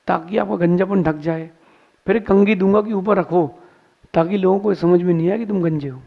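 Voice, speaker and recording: High gravelly-voiced preaching monk. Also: male voice. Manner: folksy, moralizing storyteller. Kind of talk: sermon with storytelling. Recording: slightly dull lo-fi sound.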